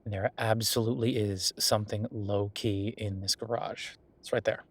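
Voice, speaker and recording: A man with a lowish, slightly rough voice keeps a steady tone and moderate pace. In a casual, intimate audio roleplay he plays a friendly, self-deprecating young billionaire who rambles informally and is playfully defensive as he addresses the listener.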